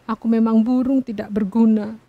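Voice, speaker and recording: A woman voicing a small, timid sparrow who talks softly and sadly in a children's story. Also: on the high side, fairly even intonation, normal speed, no echo, phone-quality sound. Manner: soft, meek, tearful.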